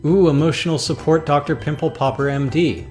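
A comedy co-host trading quick, playful quips during a news segment. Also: mid-range voice, darkish tone, faint music behind. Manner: quippy, playful asides. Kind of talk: comedic banter.

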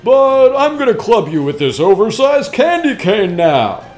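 Actor doing a doomed, mopey Santa, very high and slow-spoken, over faint music. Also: male voice, big pitch swings. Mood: menacing. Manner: mopey, darkly joking. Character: gloomy, doomed Santa Claus.

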